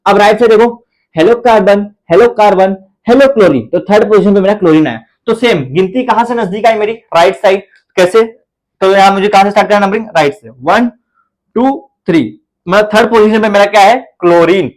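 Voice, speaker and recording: High-voiced Indian man teaching chemistry. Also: brisk, low-quality recording. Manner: repetitive, asks students questions and answers them; counts aloud with a playful chant. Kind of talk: classroom lecture.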